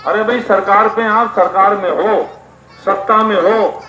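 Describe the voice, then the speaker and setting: A man giving a political speech to a village gathering, repeating figures and questions and rising to indignant shouts. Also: high-pitched, steady tone, measured pace. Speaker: political party speaker. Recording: echoey, dull PA sound with crowd noise.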